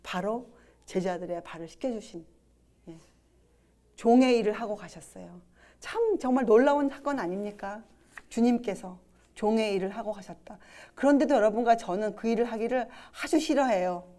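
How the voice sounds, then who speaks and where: A woman delivers a sermon in a mellow, warm voice at an ordinary pitch. She keeps asking her listeners questions. She also acts out the words of the disciples as she tells the story. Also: normal speed. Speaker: preacher.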